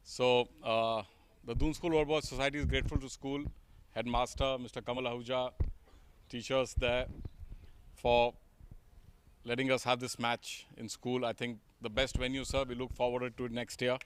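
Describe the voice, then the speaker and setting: A man with an Indian accent gives an informal thank-you speech as president of an alumni society. His voice sits at a medium pitch, with faint noise behind it. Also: little pitch movement, moderate pace. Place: outdoor school playing field.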